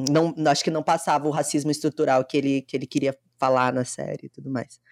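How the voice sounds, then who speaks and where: Uma mulher com sotaque brasileiro, conversando à vontade e falando direto com os ouvintes numa sala online. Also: female voice, very deep voice, level tone, quick pace, creaky, darkish tone, dry recording, clean studio sound. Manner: chatty, talks to the listeners directly. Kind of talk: casual chat in an online audio room.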